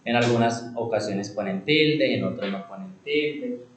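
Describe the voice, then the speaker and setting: A male instructor teaching a computer class, asking rhetorical questions and answering them himself, repeating key words and slowing down on them for emphasis. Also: mid-range voice, echoey room, a little hiss or hum, rough recording.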